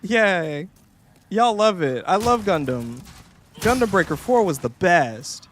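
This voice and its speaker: A man's voice: sits high, sing-song, unhurried, slight background noise. A young man streaming a game, chatting casually in a jokey, profane, rambling way and slipping into mocking voices. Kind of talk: casual gameplay streaming chat.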